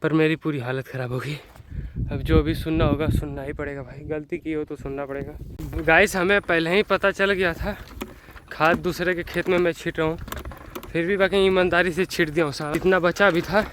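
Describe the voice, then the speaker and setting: Against a noisy background, a young man from northern India talks casually to his vlog camera, starting out in farm fields and ending up at home. His voice is a little high and steady, at a moderate pace. Rueful, self-mocking and chatty, he says "bhai sahab" a lot and calls his viewers "brother."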